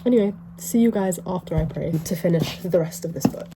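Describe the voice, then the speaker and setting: A woman's voice: lowish voice, a little fast, noisy background. A young woman with a blocked nose and short breath, chatting casually in a vlog at home by her bookshelf, rambling and upbeat with lots of "like". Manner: rambling, upbeat, fills speech with "like". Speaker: book vlogger.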